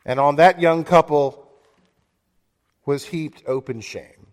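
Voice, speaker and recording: A man delivering a sermon as pastor, earnest and measured, slowing down to stress key words and reading scripture aloud. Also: on the high side. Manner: earnest, measured preaching with slowed emphasis and quoted scripture. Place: church. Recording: long church reverb.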